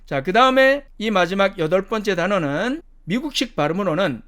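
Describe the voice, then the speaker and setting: A man teaching a structured lecture, explaining each example step by step and repeating words slowly. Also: sits high, animated, a bit bright. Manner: methodical, repeats each word twice slowly. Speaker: English teacher. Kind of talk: lecture on pronunciation.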